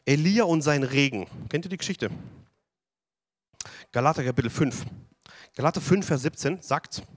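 A man preaching a sermon to a congregation, animated and asking them questions. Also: a little high, normal speed, no echo. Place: church hall with audience.

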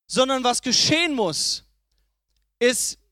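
A young man preaching a sermon, swinging between loud emphatic lines and soft, low asides. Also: animated, slow, no echo, clean studio sound.

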